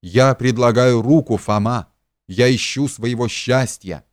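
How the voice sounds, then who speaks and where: A man voicing a kindly middle-aged gentleman who pleads and shouts in agitation. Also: medium pitch, a little slow, dry recording, clean studio sound, lightly acted. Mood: agitated.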